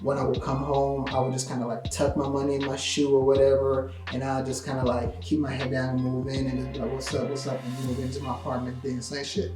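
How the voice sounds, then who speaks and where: A man's voice: mid-range voice, quick pace, few pauses. A man vlogger telling a story in a casual, slangy way, full of "like" fillers. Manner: animated, slangy, lots of "like" fillers. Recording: roomy echo with faint music.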